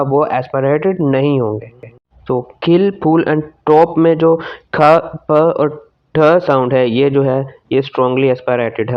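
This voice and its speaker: A man teaching a language class. He reads each question slowly, then explains it in quick, loose talk with restarts and fillers. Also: medium pitch, dull audio. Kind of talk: study-question lesson in Hindi-English mix.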